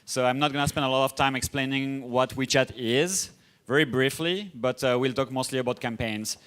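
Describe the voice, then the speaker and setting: A young man from France with a strong French accent, giving a casual, fast-paced conference masterclass. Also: mid-range voice, fairly bright tone. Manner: fast, casual, self-deprecating, with filler restarts. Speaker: conference speaker. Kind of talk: masterclass presentation.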